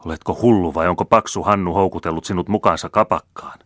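A man's voice: low voice, steady tone, fairly bright tone, no echo, clean studio sound. A man reading the part of a tense young nobleman who speaks clipped and tightly controlled. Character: tense young nobleman holding back anger.

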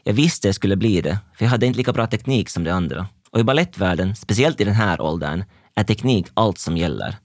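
Young male narrator, intense and introspective, dry close sound, animated delivery. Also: fairly low pitch, dry recording. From Finland. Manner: intense, introspective present-tense telling. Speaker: dancer telling his own story. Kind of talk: scripted first-person narration.

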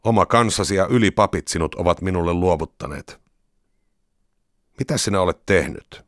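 A man voicing a stern Roman governor in a scripture reading, measured and questioning. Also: low-pitched, no room sound, clean studio sound, close to an everyday voice.

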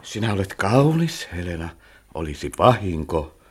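A stern old architect. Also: male voice, low-pitched, big pitch swings, breathy edge, full character voice. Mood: gentle. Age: older. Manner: commanding, then wistful and gentle. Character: aging male architect, stern yet tender. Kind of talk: radio play acting.

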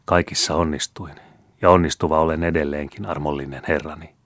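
A man reading the part of a scheming, vengeful male steward, speaking with hushed, sneering false humility in an audiobook. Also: rumbling low, steady tone, no echo, clean studio sound. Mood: menacing. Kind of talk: audiobook character voice.

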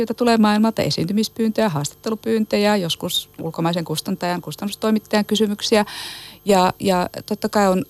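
Gravelly, low-voiced woman agent, emphatic. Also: no room sound. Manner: emphatic, piles up lists of words; repeats words when starting phrases. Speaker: literary agent, guest. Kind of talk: radio interview answers.

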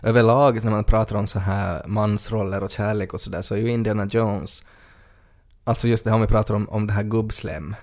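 A man's voice: fairly low pitch, steady tone, darkish tone. A man co-hosting a podcast in casual chat, joking and riffing playfully on absurd ideas. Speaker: podcast co-host.

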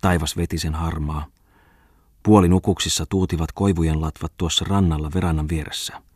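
A man reading a novel aloud as an audiobook narrator, in a measured, even storytelling manner. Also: a bass voice, breathy edge, no room sound, clean studio sound. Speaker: audiobook reader. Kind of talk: scripted narration.

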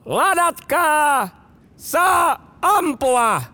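A man voicing a gruff army first lieutenant who barks drawn-out commands at the firing range. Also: sits high, huge pitch swings, fairly bright tone, voice pushed up, exaggerated voice. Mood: barking.

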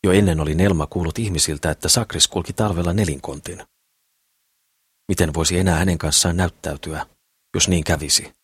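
Husky low-voiced male audiobook narrator. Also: no echo, studio quality. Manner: calm, steady storytelling. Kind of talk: scripted narration.

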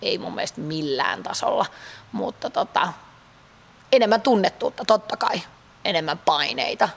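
A woman's voice: fairly low pitch, expressive, vocal fry, breathy edge. A woman in her thirties from Finland, a pole dance athlete answering interview questions in a chatty way with many fillers. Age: 30s. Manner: chatty, frequent fillers, laughs easily.

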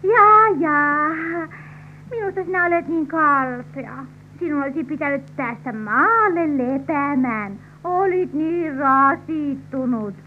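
A woman's voice: high-pitched, lively intonation. An actress playing a sentimental, fussy elderly aunt who dotes on her nephew. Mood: doting. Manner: fussing, sentimental. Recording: tinny old radio recording with hiss.

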